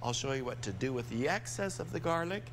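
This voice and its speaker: Older guy chef on a morning show, chatty and excited, lapel mic, hum in the background. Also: mid-range voice, fairly quick. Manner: upbeat, enthusiastic, chatty. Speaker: TV cooking chef. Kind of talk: live TV cooking demo. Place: studio kitchen set.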